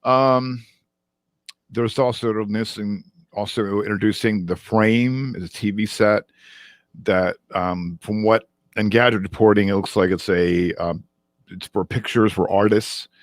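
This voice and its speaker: A man co-hosting a casual tech news podcast, halting with many ums and restarts as he goes through the week's stories. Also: on the low side, fairly even intonation, dry recording. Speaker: podcast co-host.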